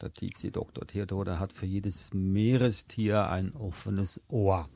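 A man hosting a studio podcast about children's books, dry and gently ironic. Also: sits low, fairly even intonation, a little slow, gravelly, dry recording. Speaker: podcast host. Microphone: close studio mic.

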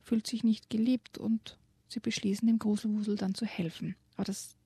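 A woman's voice: mid-range voice, level tone, normal speed, warm tone, slightly rough. A woman reading aloud from a children's book and retelling the story, dropping to a whisper for suspense. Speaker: guest presenting a children's book.

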